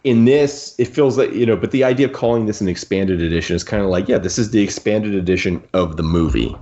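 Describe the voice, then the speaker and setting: With a mellow, lowish voice, the podcast host casually argues his strong views on a book, frequently breaking off to rephrase. The recording is muffled and dull, with a lo-fi quality.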